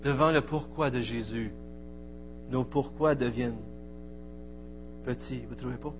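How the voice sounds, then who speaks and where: A man's voice: mid-range voice, a little slow, noisy background. A man preaching a sermon in an emphatic, rising and falling cadence. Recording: dull lo-fi recording with faint music.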